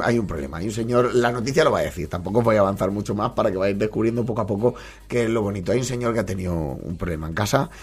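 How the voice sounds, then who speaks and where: A man with a Spain accent hosting a comedy podcast, commenting on TV clips in a casual, animated way and laughing often. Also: medium pitch, breathy edge. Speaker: podcast host.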